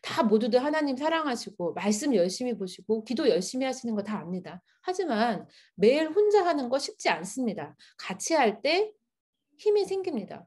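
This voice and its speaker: Lively high-voiced woman giving testimony. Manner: expressive, earnest storytelling with rising emphasis. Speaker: small-group leader giving a church message. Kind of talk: sermon-style personal testimony. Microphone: video call.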